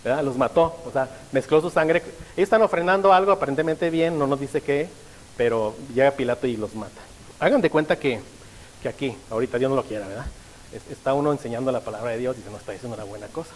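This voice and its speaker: A man's voice: mid-range voice, fast talker, in a large hall, a little hiss or hum, rough recording. A male pastor preaching a sermon, often stopping to ask the congregation rhetorical questions.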